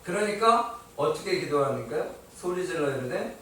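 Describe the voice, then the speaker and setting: A man's voice: a little high, expressive, normal speed, sharp tone, a little hiss or hum. A male pastor preaching a sermon. He keeps asking his congregation questions and answers them himself, with a touch of light humor. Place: church sanctuary. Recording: echoey hall, mic at a distance.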